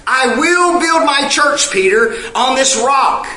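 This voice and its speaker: Speaking slowly but with animation, this man's extremely high voice sounds pushed and bright in an echoey room. He delivers an emphatic sermon full of rhetorical questions, reading scripture in the archaic King James wording.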